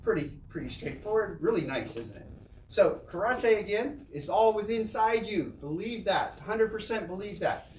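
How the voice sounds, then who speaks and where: A man's voice: high voice, animated, moderate pace, a little mellow, reverberant, recorded from a distance, a little hiss or hum, poor audio. A man teaching a karate class, encouraging and explaining step by step with frequent check-ins. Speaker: karate instructor. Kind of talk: online class instruction.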